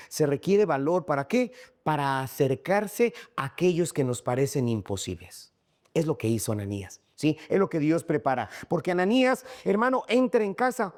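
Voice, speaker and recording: A man's voice: a little high, darkish tone. A man preaching a sermon, addressing the congregation as brother and asking rhetorical questions. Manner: emphatic, repeatedly addresses "hermano", asks rhetorical questions. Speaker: pastor.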